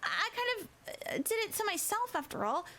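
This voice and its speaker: A woman voicing an earnest, chipper teenage schoolgirl in a whispered role-play storybook reading, eager and softly apologetic. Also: very high-pitched, big pitch swings, normal speed, voice pushed up, exaggerated voice. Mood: flustered. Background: rain and crackling fireplace.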